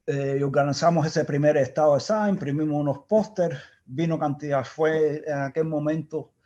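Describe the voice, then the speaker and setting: In a casual storytelling interview, a man from Cuba, an engineer with a Cuban accent, reminisces in a reflective, rambling way, restarting his sentences. His fairly high, mellow voice keeps a fairly even intonation at normal speed, and the sound is dull and lo-fi.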